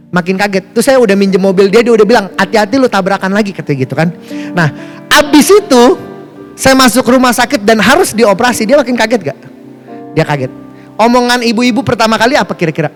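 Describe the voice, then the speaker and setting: A male pastor telling a personal story in a sermon, casual speech, playful and chatty, asking the congregation questions and acting out what others said. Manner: acts out quoted voices with sharp pitch jumps. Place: church hall, music behind.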